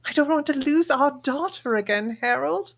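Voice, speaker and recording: A woman plays a level-headed older queen who soothes her husband with gentle reason. Her voice sits quite high and stays soft and even. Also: moderate pace, vocal fry. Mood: soothing. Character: calm, sensible older queen and wife. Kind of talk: live table read.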